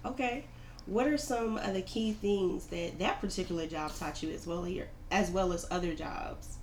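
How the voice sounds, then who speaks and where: A woman interviewing a guest, brisk and upbeat, with quick short replies. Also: fairly low pitch, roomy sound, slight background noise, poor audio. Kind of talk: casual interview.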